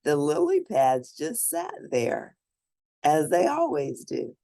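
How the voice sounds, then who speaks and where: With a low, creaky voice, a female storyteller reads a picture book to young children in an expressive, animated way. She pauses at points to draw attention to the illustrations.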